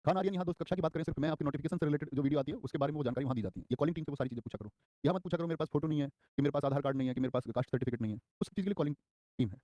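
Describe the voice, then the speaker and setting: Brief: young male teacher, rapid-fire delivery, a bit high for a man, quizzes and repeats terms, live online class. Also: no echo, studio quality. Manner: energetic, repeats key terms and quizzes students; acts out short quoted lines in a raised voice. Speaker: Hindi grammar teacher.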